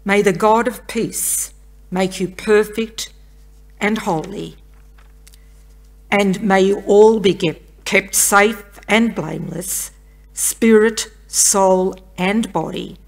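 A woman's voice: mid-range voice, takes it slowly, vocal fry. An older woman reading scripture as a lay reader at a church lectern. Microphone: gooseneck lectern microphone.

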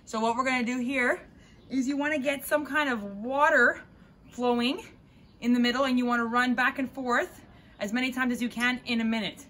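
A woman's voice: on the high side, fairly even intonation, moderate pace, a bit bright. A young woman leading kids through backyard water games outdoors, jokey and bubbly, laughing often. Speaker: activity leader. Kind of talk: playful outdoor activity demo for kids.

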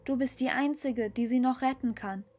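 A small, calm kitten spirit from a storybook, put on by a woman reader, her voice lifted well above the narrator's and drawn out slowly. She speaks softly and soothingly, with a faint music bed behind her. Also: high-pitched, pitched above the performer's own voice. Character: tiny ghostly female kitten spirit, calm.

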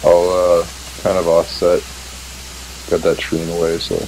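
A man's voice: low-pitched, completely flat delivery, a little slow, a little mellow, rough recording. A man speaking casual fire radio chatter as a truck firefighter in a role-play game. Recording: faint hiss behind voice.

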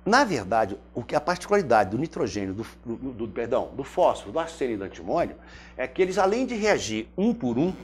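A man's voice: medium pitch, big pitch swings, a little fast, slight background noise. A Brazilian man teaching chemistry in a chatty classroom lecture. He asks himself questions by name and repeats each step aloud. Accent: Brazilian Portuguese. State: throat briefly irritated.

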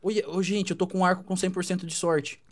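A man's voice: high voice, little pitch movement, fast. A man playing a block-building game with friends, whining in mock self-pity. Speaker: gamer. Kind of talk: gaming chatter.

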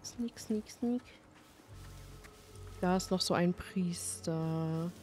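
This streamer speaks extremely slowly in a fairly low, darkish voice. She keeps up casual, playful, chatty commentary while playing a video game, with faint game music in the background.

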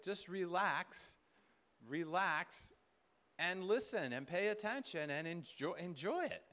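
Speaking to a conference audience in a large hall full of seated listeners, this middle-aged man uses a relaxed preaching style, chatting conversationally, repeating himself, and performing bits of dialogue. His voice leans high with a fairly bright tone, captured from a far-off camera at the rear.

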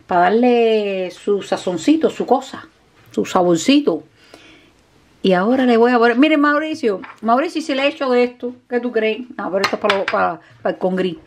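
A woman with a Cuban Spanish accent, chatting warmly to her viewers while cooking in her home kitchen, calling them "mi gente". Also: on the high side, a little hiss or hum. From Cuba. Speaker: cooking vlogger. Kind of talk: casual cooking vlog talk to viewers. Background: dishes, pots and pans clattering.

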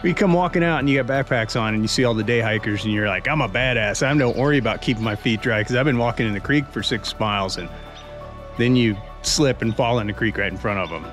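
A man's voice: mid-range voice, fast, fairly bright tone. A man in his forties hosting a hiking vlog outdoors, chatting casually and joking between laughs. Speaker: hiking vlogger. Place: outdoors in a creek canyon. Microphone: camera-mounted mic held at arm's length. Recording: music playing behind.

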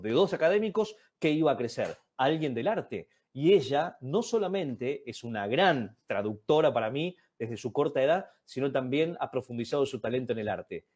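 A middle-aged man with an Argentine accent hosting a live-stream interview over a video call from a small room, animated and theatrical, slowing down to stress key words. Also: mid-range voice, slightly rough. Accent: Argentine Spanish. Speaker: interview host. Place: small home room indoors. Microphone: webcam mic on a video call.

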